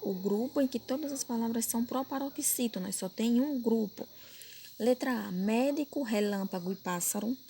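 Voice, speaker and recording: A woman's voice: on the high side, moderate pace, warm tone, a little hiss or hum. A woman with a Brazilian Portuguese accent teaching a recorded grammar lesson, patiently repeating points and checking that her pupils follow. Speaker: primary school teacher.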